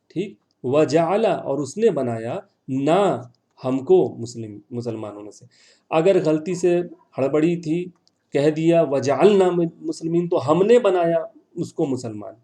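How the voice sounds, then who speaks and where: A man's voice: fairly high pitch, lively intonation, warm tone. A male teacher giving an online class, patiently repeating words and quizzing his students.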